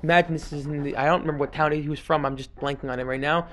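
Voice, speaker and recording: A man teaching a class as a rabbi, reading passages aloud and explaining them in an animated way, with Hebrew and Yiddish terms mixed in. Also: a little high, racing. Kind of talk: lecture on a text.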